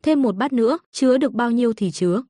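A woman's voice: a little high, expressive, fast talker, dark tone, no echo. Worn-out principal guy, read by a woman, curt and resigned, dry close audio. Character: harried male kindergarten principal.

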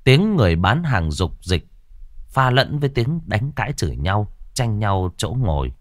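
A male storyteller reads a story aloud with a low voice that rises and falls expressively. The sound is close and dry, with no room echo. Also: very animated, a little slow. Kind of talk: scripted story narration.

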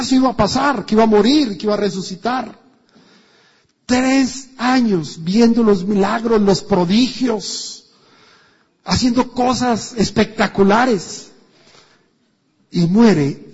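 A man with a Colombian accent preaching a sermon, animated, asking many rhetorical questions and swinging between loud and soft. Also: high voice, breathy edge. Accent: Colombian Spanish. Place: church hall. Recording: dull sound with long church reverb.

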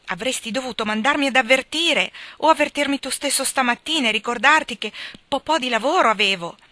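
A woman voicing a distraught young wife who breaks into sobbing, exclamatory outbursts, raising her voice high and loud in a dry, close storybook reading. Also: a little fast, dry recording. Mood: tearful reproach.

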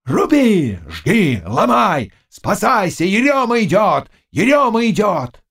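A male narrator voicing a boisterous old nobleman who shouts and curses crudely in a high, strained voice. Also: huge pitch swings, slow pace, vocal fry, husky, exaggerated voice. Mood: panicked yelling.

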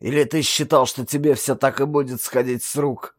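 A man voicing a stern, proud older male householder who talks in a gruff, scornful and commanding way in a storybook reading. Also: medium pitch, fairly even intonation, moderate pace, close to an everyday voice.

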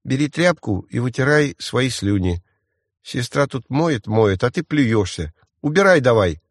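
A man's voice: mid-range voice, expressive, unhurried, no echo, clean studio sound. A man reading an audiobook voices a small, stubborn little girl who bosses and scolds. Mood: scolding. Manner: bossy, scolding, matter-of-fact.

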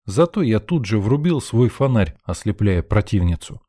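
A man narrating an audiobook in the first person, with a gruff, sardonic manner. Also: on the low side, big pitch swings, normal speed, warm tone, no echo, clean studio sound.

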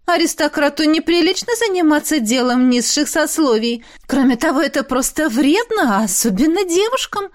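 A woman's voice: lively intonation, normal speed, hardly any pauses. A woman voicing a haughty young noblewoman concubine who turns whiny and frightened. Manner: high, haughty, then whimpering.

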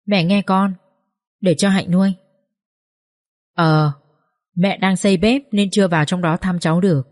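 A woman voicing a sharp-tongued older village mother-in-law in a storybook reading, scolding and shrill. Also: fairly even intonation, moderate pace, lightly acted. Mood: eager.

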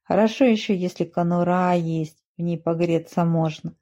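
A woman's voice: fairly low pitch, steady tone, moderate pace, dark tone, lightly acted. A woman voicing a cold, shivering mongrel dog who barks her words. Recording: muffled dull recording.

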